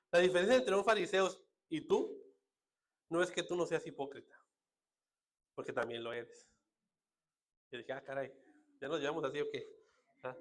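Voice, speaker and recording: A man's voice: a little high, a bit bright. A man with a northern Mexican accent preaching a sermon as a pastor, in a casual, joking way full of rhetorical asides. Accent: northern Mexican Spanish.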